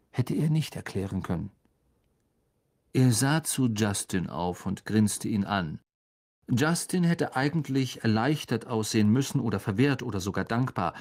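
A man narrating a children's fantasy novel in a measured, expressive reading voice. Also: medium pitch. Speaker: audiobook narrator. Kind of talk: storybook narration.

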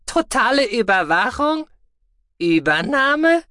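A man's voice: takes it slowly, no echo, clean studio sound, full character voice. A man voicing a small, cheeky, furry male alien who is telepathic, for an audiobook. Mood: excited. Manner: high, excitable, defensive. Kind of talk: audiobook reading.

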